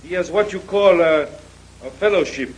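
An actor playing an excitable French innkeeper in an old-time radio drama, speaking broken English with a French accent and a fussy manner. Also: male voice, high-pitched, unhurried, rough recording. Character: excitable French innkeeper, middle-aged man.

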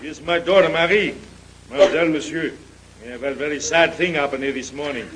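An actor playing an excitable French innkeeper in an old-time radio drama, speaking broken English with a French accent and a fussy manner. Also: male voice, a little high, fast talker, close to an everyday voice, rough recording. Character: excitable French innkeeper, middle-aged man.

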